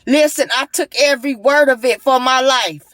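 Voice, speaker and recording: Woman, young adult, slightly high voice, dry close sound, earnest preacher-like testimony vlog. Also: normal speed, fairly bright tone, no room sound. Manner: emphatic, repetitive, preacher-like urgency. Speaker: vlogger sharing a personal testimony. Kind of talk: emotional spoken testimony with prayer.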